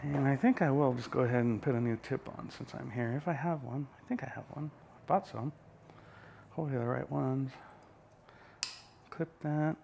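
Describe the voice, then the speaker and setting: A man's voice: mid-range voice, normal speed, creaky, pauses often, a little mellow, slight background noise. A man in a home workshop, chatting in an easygoing, folksy way while he welds and explains his steps. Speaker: home welder and mechanic. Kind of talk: casual workshop how-to vlog.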